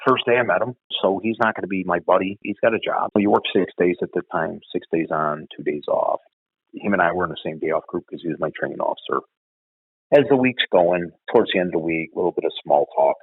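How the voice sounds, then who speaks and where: A middle-aged man, a retired police officer telling stories in an interview, profane and animated. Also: low-pitched, quick pace, breathy edge, dry recording, narrow, tinny audio. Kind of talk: storytelling in an interview.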